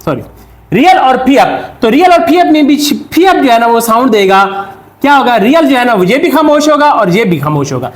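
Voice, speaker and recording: A man's voice: very high voice, sing-song, brisk, reverberant. A man with a Pakistani Urdu accent, giving a step-by-step classroom lesson and answering his own questions. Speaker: Korean language teacher.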